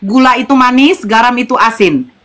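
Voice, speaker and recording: A woman's voice: a little high, normal speed, a bit bright. A woman asking firm, insistent questions in a live online debate. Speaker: debate participant.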